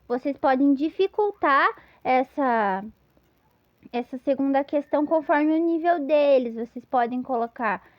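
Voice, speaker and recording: A woman's voice: high-pitched, dry recording, lo-fi sound. A woman giving an instructional lesson, patiently explaining step by step with examples. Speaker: teacher.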